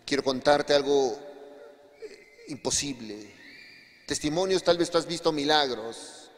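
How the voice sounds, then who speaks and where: A male pastor preaching a sermon, telling a testimony with emphatic swings between quiet and raised passages. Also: fairly high pitch, measured pace. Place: church hall. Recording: long hall reverb.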